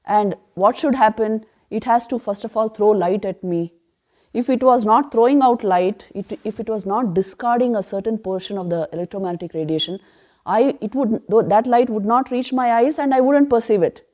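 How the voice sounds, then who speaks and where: Woman, spiritual teacher, mellow voice, rhetorical questions, emphatic. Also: on the high side. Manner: emphatic, asks rhetorical questions then answers them; chants verses slowly. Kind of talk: retreat class on scripture.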